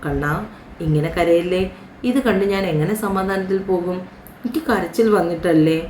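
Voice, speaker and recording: A man's voice: high voice, normal speed, a little mellow, slight background noise, lightly acted. Woman reading as a doting young man. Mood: tender, coaxing. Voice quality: coaxing, affectionate. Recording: roomy home recording.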